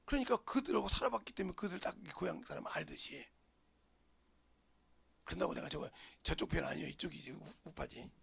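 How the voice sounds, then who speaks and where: A male pastor from the region, preaching a sermon in an animated way and dropping into whispers for emphasis. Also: sits high, fairly quick, vocal fry, slightly rough. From Jeolla, Korea.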